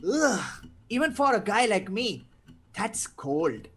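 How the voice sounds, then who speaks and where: A woman's voice: medium pitch, big pitch swings, slow pace, slightly rough, heavily acted. A woman playing a gleeful, taunting male criminal madman in a script read, drawling theatrically. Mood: taunting, sly. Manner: theatrical, drawling, breaking into cackles. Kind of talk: table read of a film script. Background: live guitar music.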